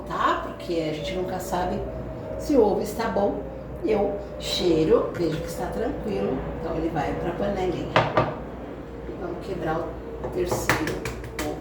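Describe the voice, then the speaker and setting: A Brazilian woman with a lowish voice and a Brazilian Portuguese accent hosts a cooking channel, teaching a lesson from her home kitchen. She walks through each step chattily and keeps checking in with viewers. The very noisy audio is echoey and sounds picked up from far off.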